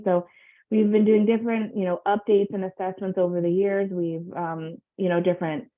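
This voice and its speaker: A woman chairing a public board meeting on a video call, running through the agenda with many fillers. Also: mid-range voice. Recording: tinny phone-like line.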